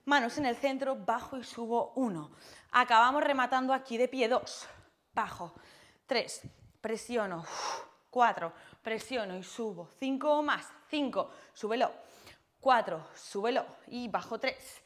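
A woman's voice: on the high side, lively intonation, unhurried. Breathless woman counting workout reps. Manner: counts reps while exercising, short breathy cues and puffs. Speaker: fitness instructor. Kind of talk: workout class cueing with counts.

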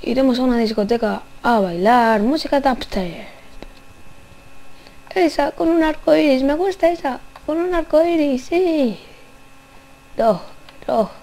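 Slow-talking playful young woman. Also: expressive, warm tone, slight background noise, rough recording. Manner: silly, repeats lines with rising pitch and sings. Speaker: gameplay commentator. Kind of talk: playful let's-play commentary.

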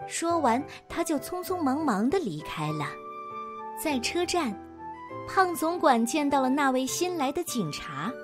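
Animated woman telling kids' stories. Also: sits high, a little slow, music in the background. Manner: animated, sing-song, playful. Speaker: children's storyteller. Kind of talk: storybook narration for children.

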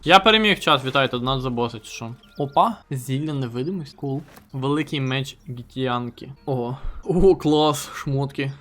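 A man streaming a role-playing game, chatting fast and excitably with his chat, swearing and reading game text aloud. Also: medium pitch. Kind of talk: casual game stream commentary.

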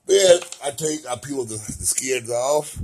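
A man talking to his camera about his recovery, swinging between soft, slow remarks and loud bursts of laughter. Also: mid-range voice, lively intonation, husky. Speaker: vlogger sharing his recovery. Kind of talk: casual personal vlog.

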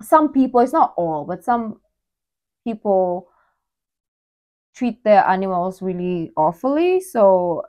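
A woman's voice: mid-range voice, big pitch swings, slow, pauses often, warm tone. A young woman from the Philippines hosting a reaction video at home in her bedroom, chatting casually and cutting in with curious questions. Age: young adult.

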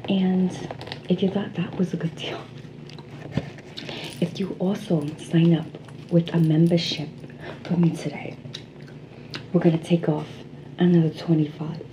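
A woman playing a pushy, flattering salon sales associate with a New Jersey accent in an ASMR role-play, chewing gum as she talks. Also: fairly low pitch, measured pace, long pauses, lightly acted. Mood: chatty, pitching. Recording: clearly noisy background.

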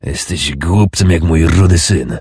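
A man voicing an old wounded Danish king who is scornful and bitter, with a rasping, contemptuous growl. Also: rumbling low, takes it slowly, darkish tone, no room sound, studio quality, full character voice.

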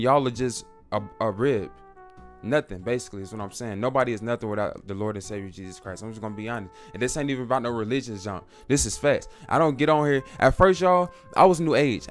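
A young man, a YouTube creator, talking casually to camera about faith, preachy and slangy, calling viewers bro. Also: mid-range voice.

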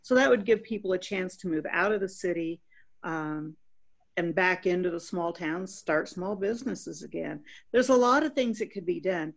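An older woman speaks as a farmer on a webinar panel, earnest and unhurried, often restarting her sentences. Her voice is lowish and gravelly. She talks into a laptop webcam on a video call from home. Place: home room by a bright window.

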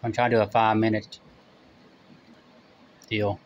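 A middle-aged man chatting casually to camera in short, halting phrases, his mouth burning from spicy food. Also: fairly low pitch, little pitch movement, muffled recording, slight background noise. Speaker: vlogger doing a spicy food challenge. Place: small room indoors.

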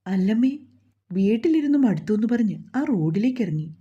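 A woman's voice: mid-range voice, animated, fairly quick, warm tone, breathy edge, muffled recording. A woman voicing a frightened, tearful young pregnant woman who talks in a plaintive, fearful way. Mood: meek.

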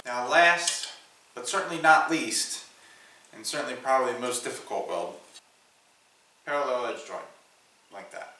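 A man in his thirties talks through welding steps in a plain, practical way. He is recorded by a camera a few feet away in a garage, so his voice bounces off the walls over a steady hum of air conditioning. His pitch sits at an ordinary middle level. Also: unhurried, pauses often, distant mic. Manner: practical, matter-of-fact explaining step by step. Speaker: welding instructor. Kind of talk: instructional demonstration. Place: home garage workshop. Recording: echoey garage from afar with fan hum.

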